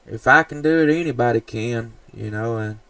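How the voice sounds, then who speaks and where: Here a ham radio operator from Tennessee, speaking with a Southern US accent, makes calls and chats in a folksy, polite manner. He has a mid-range, slightly bright voice and a moderate pace. The recording is dry and low quality.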